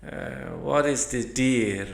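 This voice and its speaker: A man's voice: medium pitch, very slow, vocal fry, reverberant. A man teaching a primary school textbook lesson in a casual, chatty way, reading aloud and mixing in English words.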